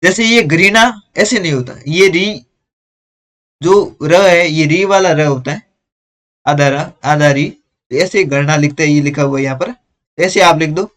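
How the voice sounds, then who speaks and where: A man's voice: a little high, measured pace, long pauses, fairly bright tone. A male teacher patiently going through workbook exercises step by step, explaining corrections. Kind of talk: workbook lesson walkthrough.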